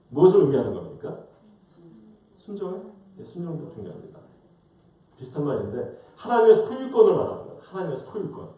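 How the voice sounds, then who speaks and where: A Korean-American male pastor preaches in a church sanctuary, his fairly high voice dark and mellow as it rises and falls with lively energy. He fires rhetorical question after question at the congregation and acts out voices. The mic sits far away, so the large room's strong echo fills the recording.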